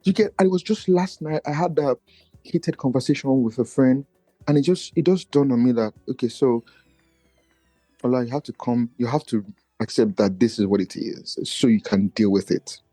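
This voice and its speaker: In a dark tone at normal speed, a man from Nigeria joins a podcast for a reflective personal conversation. He speaks earnestly and searchingly, often restarting his thoughts, and feels his low voice doesn't carry. Faint music plays behind a dry recording.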